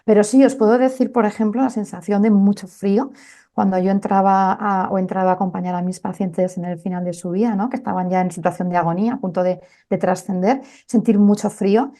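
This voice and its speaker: A woman's voice: medium pitch, fairly even intonation, a little fast, mellow. A woman doctor telling a personal story in an interview, in a conversational way with many fillers.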